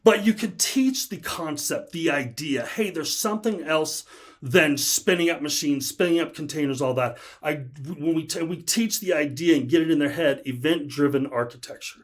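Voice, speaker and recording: An American man appearing as a podcast guest tells stories in a casual, animated way, laughing often and frequently restarting his sentences. His voice is on the high side, and he talks at a moderate pace.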